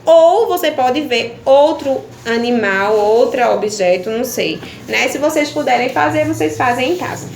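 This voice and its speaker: A woman's voice: sits high, expressive, normal speed, few pauses. A woman teacher from Brazil patiently explaining primary-school workbook pages in a video lesson, checking in with her pupils after each point. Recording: echoey room with faint background noise.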